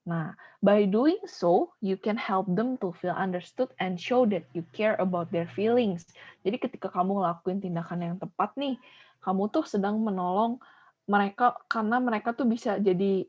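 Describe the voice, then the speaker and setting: A woman's voice: medium pitch, moderate pace, dull audio. A woman school counselor a slight lilt patiently explaining feelings to children, mixing in some English. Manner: patient, explains to children and acts out example voices. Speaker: school counselor teaching a class. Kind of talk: online class lesson.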